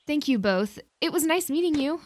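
A woman's voice: high voice, lively intonation, moderate pace, darkish tone, slight background noise, voice pushed up. A woman voicing a polite young newcomer who speaks sweetly and gets a little flustered.

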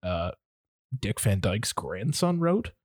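A man chatting on a movie podcast, loose and animated, his voice jumping up high when he fires off baffled questions. He sounds dry and close to the mic, with no room around him. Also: takes it slowly, breathy edge, no room sound. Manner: animated, swearing, rising into incredulous questions. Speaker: podcast co-host. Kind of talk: casual chat.

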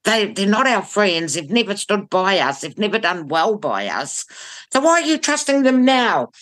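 A woman's voice: mid-range voice, very animated, normal speed, fairly bright tone. A woman with a New Zealand accent giving blunt, emphatic opinions in conversation, repeating phrases for stress. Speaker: interview guest.

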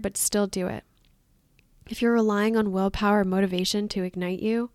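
A woman's voice: mid-range voice, darkish tone, no echo, studio quality. A woman hosting a motivational podcast as a weight loss coach, talking in an upbeat, encouraging way. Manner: upbeat and encouraging, with light laughs.

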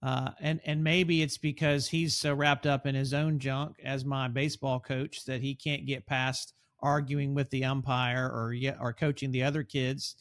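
A man's voice: mid-range voice, level tone, moderate pace, hardly any pauses. A man co-hosting a podcast, speaking reflectively and personally, with small restarts. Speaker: podcast co-host. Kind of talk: conversational podcast discussion.

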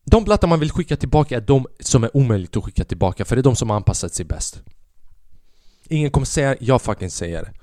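A man's voice: mid-range voice, sing-song, dark tone, no room sound. A young man hosts a podcast in a rambling, comic rant full of swearing. He tells his story with lots of animation. His voice sits mid-range and sounds dry and close to the mic. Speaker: podcast host. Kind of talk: comedic ranting monologue.

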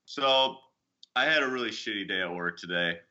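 A young man hosting a casual podcast, telling a candid story in a relaxed way. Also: on the low side, moderate pace, lo-fi sound. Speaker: podcast host.

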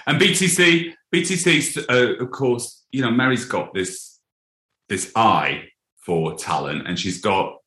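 A man's voice: mid-range voice, a little slow, bright, forceful tone, roomy sound. A man hosting a casual interview, rambling and upbeat as he tells anecdotes and cheers on his guest. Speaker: podcast host interviewing a hairstylist.

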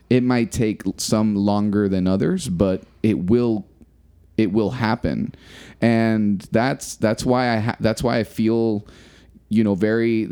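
A man's voice: fairly low pitch, dark tone. A middle-aged man co-hosting a casual podcast, talking earnestly and motivationally and repeating phrases for emphasis. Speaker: podcast co-host.

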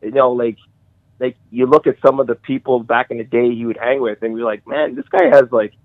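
A middle-aged man sharing memories of a friend on a call, halting with many restarts and emotional. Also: medium pitch, level tone, no echo. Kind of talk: casual conversation. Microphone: call audio. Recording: tinny phone-like call audio.

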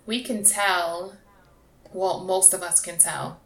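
A woman's voice: lowish voice, fairly even intonation, slow pace, vocal fry, a bit bright. A woman from New York co-hosting a casual podcast, teasing and steering the talk with dry humor. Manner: wry, teasing, plays moderator. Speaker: podcast co-host. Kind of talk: casual chat.

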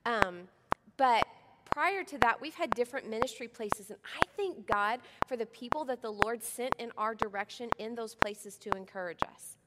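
Woman pastor, middle-aged, earnest chatty sermon, fairly high voice, long hall echo. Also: normal speed. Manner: earnest, conversational preaching with rhetorical questions. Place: church sanctuary. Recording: long hall reverb, loud background noise.

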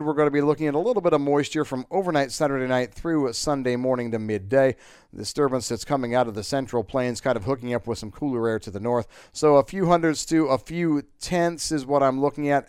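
A man's voice: medium pitch, a little mellow, smooth, dry recording, clean studio sound. A man giving a conversational weather forecast as a radio meteorologist.

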